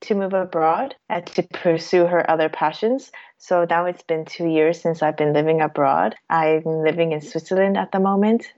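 Woman, 20s, low pitch, gravelly, hesitant with fillers. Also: steady tone, normal speed, few pauses, a little mellow. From Canada. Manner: hesitant, self-correcting, many fillers. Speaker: guest. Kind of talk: casual interview answers. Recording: dull lo-fi sound.

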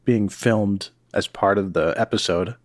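A man's voice: on the low side, measured pace, dry recording, clean studio sound. A man co-hosting a podcast, talking in an easygoing, wry way. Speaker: podcast co-host. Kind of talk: casual chat.

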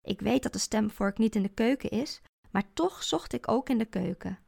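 A woman reading a first-person story aloud, expressive with a deadpan sense of humour. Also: fairly high pitch, normal speed, vocal fry, husky.

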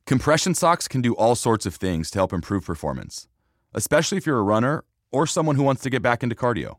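A man's voice: medium pitch, very animated, fast, no room sound, studio quality. A man hosting a fitness podcast as a trainer, reading scripted narration.

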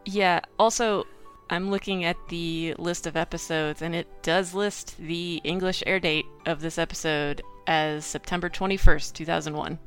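A woman's voice: on the low side, steady tone, normal speed, soft background music. A woman co-hosting a casual podcast chat, explaining translation differences with frequent ums. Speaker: podcast co-host.

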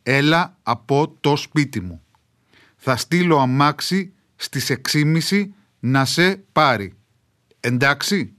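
A man's voice: fairly high pitch, expressive, fairly bright tone. A man voicing a hearty Greek-Kenyan ranch owner who speaks an old rustic mountain Achaean Greek dialect with a heavy drawl and a folksy, fatherly manner. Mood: measured.

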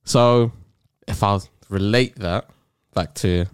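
Deep-voiced London roadman in casual chat. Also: slow pace, clear, resonant tone, dry recording, clean studio sound. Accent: London roadman slang accent. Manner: heavy street slang with tag questions.

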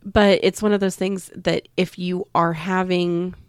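A woman co-hosting a casual chat podcast, with a low, dry voice close to the mic. She talks frankly and with animation, and she teases and laughs easily. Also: flat delivery, measured pace, clean tone, no echo. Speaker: podcast co-host.

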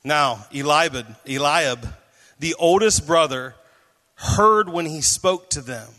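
A man preaching a sermon as pastor, reading scripture aloud and joking with his listeners in an animated way. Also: fairly high pitch, slow pace. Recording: long hall reverb.

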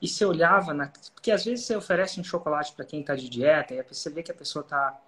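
A lively storyteller with a Brazilian accent, chatting casually and slipping into the voices of the people in the story. The delivery is loose and conversational, sprinkled with "cara" and quick restarts, and sits at a middle pitch for the speaker. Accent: Brazilian Portuguese. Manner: animated, acts out quoted dialogue, frequent "cara".

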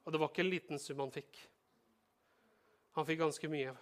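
A male pastor delivers a sermon in a fairly high voice. He preaches in a lively, conversational way, with touches of humor, as if talking directly to each listener.

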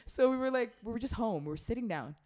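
A woman's voice: on the high side, quick pace. A young woman from Canada co-hosting a podcast, telling a story in casual chat with lots of laughter and filler words. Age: 20s. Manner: animated, laughing, many "like" fillers. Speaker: podcast co-host.

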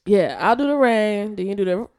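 A young woman co-hosting a laid-back podcast, joking around with a wide-ranging, expressive voice. The recording is dry and close to the mic. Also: mid-range voice, moderate pace, clean tone, dry recording. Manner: joking, animated, breaks into song and laughter. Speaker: podcast co-host. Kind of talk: casual podcast chat.

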